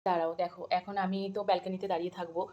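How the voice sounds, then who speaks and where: A woman's voice: on the low side, flat delivery, quick pace, mellow, roomy sound, highs cut off. A woman, chatting casually as a lifestyle vlogger into her phone, repeating herself and pleading with viewers. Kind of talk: casual vlog talk to camera.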